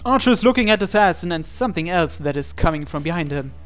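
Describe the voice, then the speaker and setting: A man with a slightly high, animated voice reads quickly through a visual novel. As a let's player, he narrates the on-screen text dramatically while music plays behind him.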